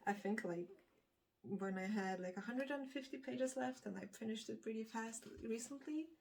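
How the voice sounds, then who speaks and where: This book vlogger is a native Lithuanian speaker from Lithuania, and her fairly high voice is creaky and a little mellow, moving at normal speed. Talking casually and unscripted to camera, she rambles and makes hesitant self-corrections, with slight background noise behind her.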